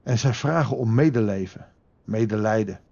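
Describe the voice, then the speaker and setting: A man preaching a devotional sermon, speaking with passion and rising to emphatic peaks, then growing quiet as he prays. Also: lowish voice, moderate pace, gravelly, dull audio.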